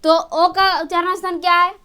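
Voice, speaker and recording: A woman's voice: extremely high pitch, flat delivery, normal speed, sharp tone. A woman teaching an exam-prep grammar lesson, who keeps asking a question and answering it herself. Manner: repetitive, asks and answers her own questions.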